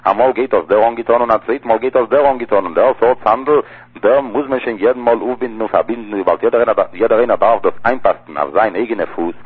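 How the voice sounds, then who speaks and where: A man's voice: on the low side, fast talker, slightly rough. A man teaching a religious law lesson, explaining by repeating key phrases over and over. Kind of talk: text-study lesson. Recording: tinny phone-like recording.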